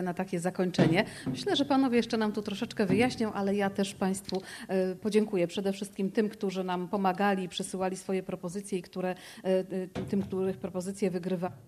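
A woman hosting on radio, speaking off the cuff at a premiere and thanking listeners. Her voice is mid-pitched with a faint noise in the background. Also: fairly even intonation, moderate pace. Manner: warm spontaneous speech with fillers. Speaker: radio host. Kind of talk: live premiere thank-you speech.

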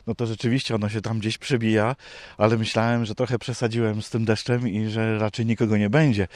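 A man's voice: lowish voice, level tone, brisk, darkish tone, no room sound. A man who heads a forest district, talking outdoors, hesitant and repeating himself.

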